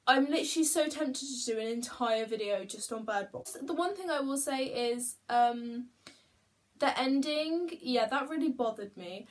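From her home, a young beauty vlogger with a high voice rambles to her phone camera at normal speed. Her chat is casual and chatty, and she often makes fun of herself.

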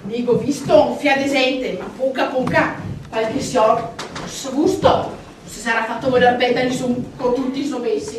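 A woman's voice: a little high, steady tone, unhurried, heavy reverb, distant mic, noisy background, close to an everyday voice. An actress playing a woman gossiping about a funeral in a film scene.

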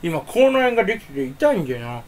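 Casual solo chatter, male, rambling and self-deprecating, pitch leaps all over. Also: sing-song, quick pace, slight background noise. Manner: rambling, self-mocking, swings pitch up suddenly. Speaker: streamer.

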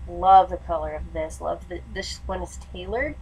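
A woman's voice: on the low side, fairly even intonation, moderate pace, darkish tone, poor audio. A woman in her twenties with a congested, stuffy nose from allergies, chatting casually and informally in a haul vlog. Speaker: vlogger, education student. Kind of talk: casual haul video chat. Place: small lamp-lit room at home. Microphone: webcam or laptop mic at desk distance. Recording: webcam recording with background room noise. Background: noise, TV in the background.

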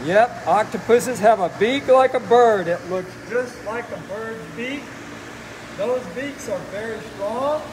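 High-voiced man through a face mask, noisy room. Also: measured pace. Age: middle-aged. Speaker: aquarium animal keeper and guide. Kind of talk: casual educational live talk. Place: noisy indoor aquarium work room. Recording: noisy pump-filled room with loud hum.

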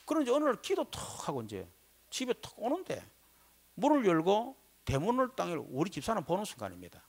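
Male pastor, slightly high voice, very expressive sermon delivery with loud bursts and quiet asides. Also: a little fast, slightly rough. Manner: animated storytelling, swinging between loud outbursts and low asides. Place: church sanctuary.

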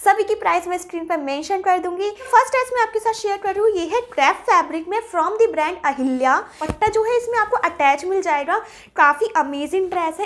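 A young woman with a very high, light voice talks through a clothing haul. She is chatty and keen on prices, slipping English words into her sentences. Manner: chatty, mixes English words into Hindi, enthusiastic about prices. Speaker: fashion haul vlogger. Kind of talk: casual product review.

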